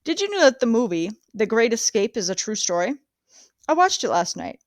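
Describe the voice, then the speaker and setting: A woman's voice: a little high, big pitch swings, a little fast, no echo, clean studio sound. A woman reading the part of someone chatting casually about a movie. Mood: chatty.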